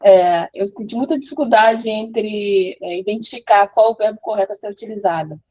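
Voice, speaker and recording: A woman's voice: mid-range voice, a little mellow, dry recording. A woman student from Brazil speaking hesitantly in an online class over a video call. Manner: hesitant, halting with fillers. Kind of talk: casual class talk. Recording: dull dry video call audio.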